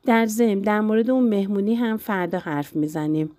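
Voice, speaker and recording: A woman voicing an affectionate, teasing young husband in a novel reading, gentle but firm and playful. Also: mid-range voice, dry recording, clean studio sound, close to an everyday voice.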